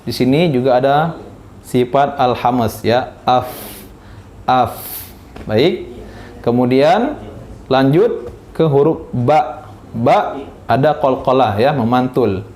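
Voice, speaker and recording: A male teacher from Indonesia giving a recitation lesson, speaking slowly and patiently and drilling each letter sound again and again. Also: mid-range voice, a little mellow. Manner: slow, patient, repeats each syllable for practice.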